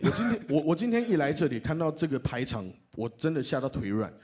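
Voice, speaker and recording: A radio host and actor with a Taiwanese Mandarin accent co-announces award nominations at a ceremony. His fairly high-pitched voice moves fast, and his manner is animated, playful and joking.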